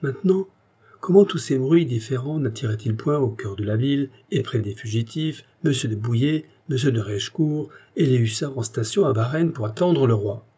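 A man reading a classic novel aloud in measured, expressive narration. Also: medium pitch, slightly rough. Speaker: audiobook narrator. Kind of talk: scripted literary narration.

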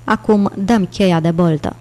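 A woman voicing a hulking, menacing albino monk with a raspy voice, in an audiobook. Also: fairly low pitch, darkish tone, lightly acted. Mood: commanding. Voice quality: raspy, hoarse.

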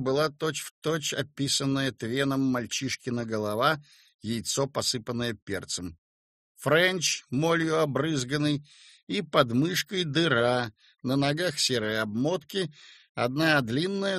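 A man reading a story aloud at a measured, steady pace. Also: medium pitch, no echo, studio quality. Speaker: narrator.

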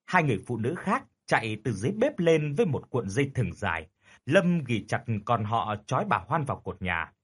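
A man's voice: medium pitch, big pitch swings, moderate pace, slightly rough. A man narrating a horror story dramatically.

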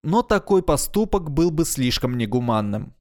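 A man narrating a science fiction audiobook in a measured, expressive reading voice. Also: fairly high pitch.

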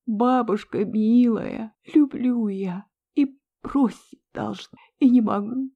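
A woman's voice: fairly high pitch, takes it slowly, pitched above the performer's own voice. A woman reader voicing an anguished young woman who pleads tearfully for forgiveness. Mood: tearful pleading. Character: young woman, anguished and sobbing over her sin. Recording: dull lo-fi recording.

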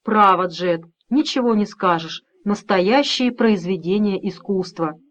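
A woman voicing a middle-aged father who stays calm and firm, speaking steadily with quiet menace. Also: medium pitch, a little slow, lightly acted.

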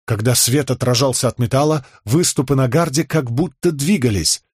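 A man reading fantasy fiction aloud in steady, measured audiobook narration. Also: medium pitch, breathy edge, no echo, clean studio sound. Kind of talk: scripted narration.

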